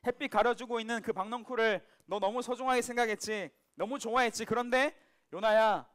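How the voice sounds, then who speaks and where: A man voicing God as a gentle, fatherly figure who pleads with Jonah in soft questions. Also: very high-pitched, brisk. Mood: pleading, tender.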